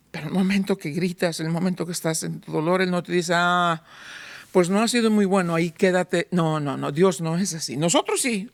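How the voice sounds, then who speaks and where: Emphatic man preaching a dry sermon. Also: no echo. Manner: emphatic, repeats phrases, calls for attention; swings from raised, stressed climaxes to a soft, low, intimate tone. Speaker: pastor. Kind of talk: evangelical sermon.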